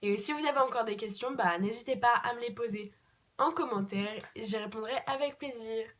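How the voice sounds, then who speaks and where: A chatty young woman from France talks straight to her camera in a casual question-and-answer vlog, her voice sitting a little high. She piles up repeated words for emphasis and keeps things light and informal. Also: fairly quick, fairly bright tone. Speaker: vlogger. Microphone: camera mic.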